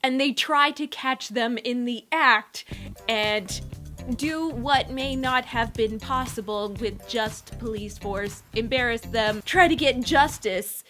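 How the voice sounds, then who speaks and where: A woman with a high, bright voice talks through the news as a co-host. Her delivery is informal and explanatory, like a casual discussion, with faint music underneath. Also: slow. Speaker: co-host of a Korean pop culture news show.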